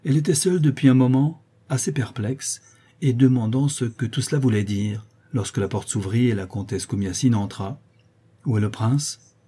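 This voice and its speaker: Husky-voiced man reading a novel. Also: medium pitch, moderate pace, warm tone. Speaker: audiobook reader. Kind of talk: audiobook narration.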